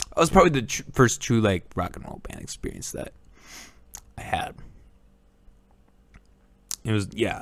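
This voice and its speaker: A man's voice: lowish voice, bright, forceful tone, smooth, no room sound. A young man hosting a solo podcast, rambling casually with lots of swearing and laughter. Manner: rambling, profane, laughs often. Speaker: podcast host.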